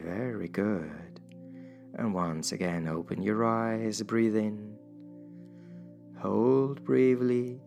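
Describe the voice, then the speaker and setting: A man guiding a hypnosis session in a soothing, measured manner with drawn-out pauses. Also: low voice, vocal fry. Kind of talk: guided hypnosis induction, soothing instruction.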